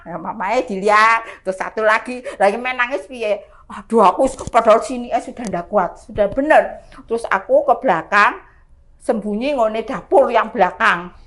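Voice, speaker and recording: Seorang perempuan lanjut usia beraksen Jawa, tamu podcast rumah sakit yang menceritakan perjuangannya melawan kanker dengan hidup dan sering tertawa. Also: female voice, a little high, moderate pace. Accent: Javanese. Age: older. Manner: animated, laughing through her story. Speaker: cancer survivor guest. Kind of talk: emotional storytelling. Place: hospital podcast studio.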